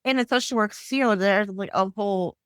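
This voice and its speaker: A woman's voice: medium pitch, normal speed, a bit bright, clear, resonant tone, dry recording, studio quality. A woman hosting a counseling podcast, asking questions in a chatty, casual way full of "like" fillers. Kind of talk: casual interview conversation.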